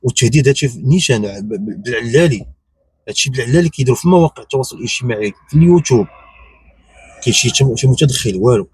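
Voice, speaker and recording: A man's voice: medium pitch, expressive, very fast, a little mellow, breathy edge, dry recording, low-quality recording. A man with a Moroccan accent giving unscripted opinion commentary, insistent and repetitive, firing off rhetorical questions. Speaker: YouTube commentator.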